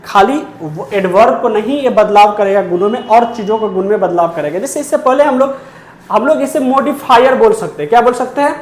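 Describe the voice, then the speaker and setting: A woman with a slightly high voice teaches a grammar lesson in an echoey room. She keeps asking questions and answering them herself, and drags out key terms word by word for emphasis. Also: a little mellow, a little hiss or hum. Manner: repeats key terms slowly.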